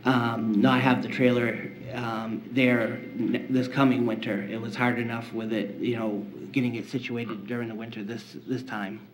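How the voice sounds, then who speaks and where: Man, hesitant applicant, even monotone, formal testimony, dull faintly noisy recording. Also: mid-range voice, moderate pace, few pauses. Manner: hesitant, frequent long ums, stiff formal wording. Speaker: applicant testifying at a public hearing. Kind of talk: halting, semi-formal testimony. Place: indoor public hearing room.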